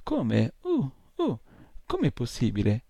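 A man's voice: medium pitch, huge pitch swings, slow pace, creaky, dark tone, breathy edge, no room sound, heavily acted. A man voicing a small male nightmare imp who whimpers and stammers in dismay. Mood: whimpering dismay. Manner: whiny, stammering "uh, uh".

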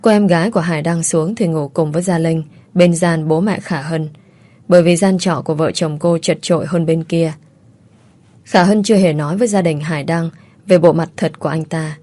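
A woman narrating a family drama in a calm, even storytelling manner. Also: fairly low pitch, dry recording. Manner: calm, even storytelling, voicing the characters' quotes lightly. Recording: soft music behind the voice.

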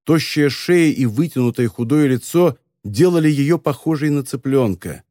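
A man narrating a novel as an audiobook, in lively, expressive storytelling. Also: medium pitch, moderate pace, no echo, clean studio sound. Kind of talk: scripted narration.

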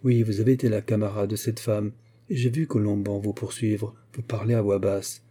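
A man reading the lines of a frail, grieving young woman who pleads and despairs, in a husky, dark voice. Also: fairly low pitch, flat delivery, moderate pace. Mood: pleading. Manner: pleading, broken, desperate.

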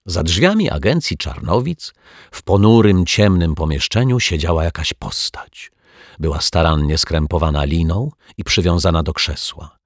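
A man narrating a children's story in an expressive, unhurried manner. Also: low-pitched, breathy edge, no echo, clean studio sound.

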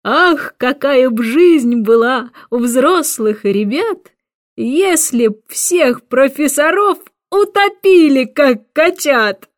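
A woman's voice: on the high side, a little slow, no echo, studio quality, natural voice. A woman voicing a carefree, cheerful king who answers easily and sings little verses. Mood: singing.

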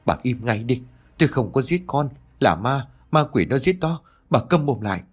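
A man voicing a frantic middle-aged village official who shouts in panic in a spoken ghost story. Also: medium pitch, very animated, normal speed, breathy edge, pitched above the performer's own voice. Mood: panicked.

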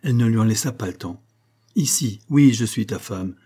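A man reading aloud voices a young woman who speaks softly but firmly, with pained resolve. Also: lowish voice, normal speed, husky. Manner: soft yet firm, pained.

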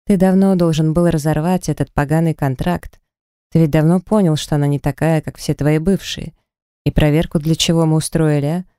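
A blunt friend lays out hard truths in a scolding tone, as a man reads him. The voice is mellow and smooth, dry and close-miked. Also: on the high side, steady tone, a little fast, dry recording, natural voice. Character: blunt male best friend, scolding and frank.

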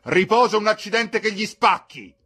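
A man voicing a brutish young man who shouts and sneers in an audiobook reading. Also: high voice, normal speed, husky, pitched above the performer's own voice, full character voice. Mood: furious shouting.

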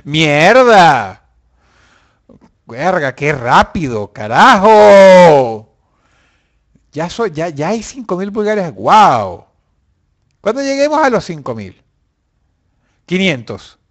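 A man hosting a casual live chat with viewers, animated and profane, breaking into shouts. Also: sits high, takes it slowly, long pauses. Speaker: online show host.

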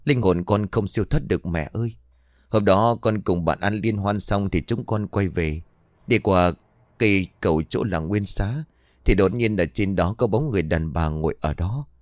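A man voicing the ghost of a young woman, speaking tearfully and slowly to her mother in a storybook tale. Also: on the low side, no echo, clean studio sound, close to an everyday voice. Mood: mournful.

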